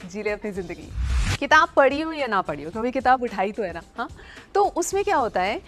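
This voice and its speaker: Young woman, high-pitched, playful teasing pronunciation coach, faint music underneath. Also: sing-song, brisk, a bit bright. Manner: playful, teasing, spells words out letter by letter. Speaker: pronunciation teacher. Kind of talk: chatty pronunciation lesson.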